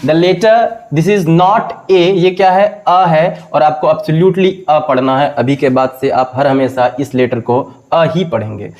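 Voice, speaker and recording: A man's voice: fairly high pitch, fairly even intonation, slow, few pauses, darkish tone, low-quality recording. A man teaching pronunciation in a video lecture, explaining step by step and asking and answering his own questions. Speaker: English teacher.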